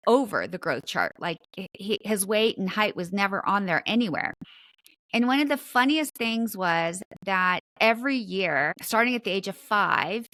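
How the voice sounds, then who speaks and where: A woman's voice: mid-range voice, pushed and bright, no echo. A woman in her fifties hosting a podcast, telling family anecdotes in a chatty, casual way with light fillers. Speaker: podcast host. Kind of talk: casual storytelling interview.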